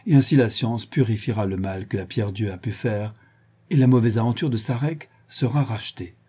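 A man's voice: on the low side, brisk, dark tone, slightly rough. A man reading an audiobook, voicing a worldly, self-assured adventurer who talks with confident, expansive flourish.

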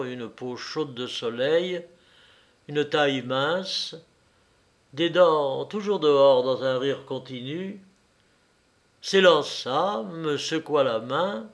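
A man reads a classic tale aloud at an unhurried, deliberate pace. His voice sits slightly high and stays measured throughout. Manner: slow, measured storytelling. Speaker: narrator. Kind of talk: literary story reading.

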